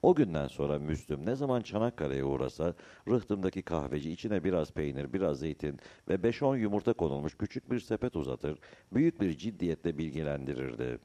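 A man narrating a novel in a measured storytelling manner. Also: very deep voice, very animated, dark tone. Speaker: audiobook narrator.

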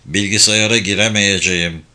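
A man's voice: lowish voice, steady tone, moderate pace, bright, forceful tone. A man voicing a tough male agent who speaks in a blunt, commanding way in an audiobook. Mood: urgent.

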